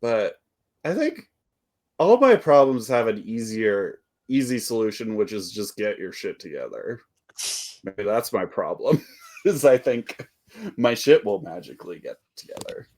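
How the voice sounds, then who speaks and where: Slow-talking casual podcast co-host man. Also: lowish voice, big pitch swings, a little mellow. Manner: rambling, self-deprecating, laughs often. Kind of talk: casual chat.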